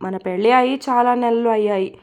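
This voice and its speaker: A woman voicing a lonely, tearful young wife who confides softly in a read-aloud story. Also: fairly high pitch, normal speed, highs cut off, noisy background, lightly acted. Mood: tearful, confiding.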